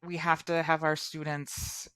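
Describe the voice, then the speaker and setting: A woman, a high school English teacher, chatting as a guest in an interview, filling her talk with "um" and "like". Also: flat delivery, a little slow, a bit bright, clean tone, no echo, clean studio sound. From United States. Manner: chatty, lots of fillers like "um" and "like". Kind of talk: casual interview chat.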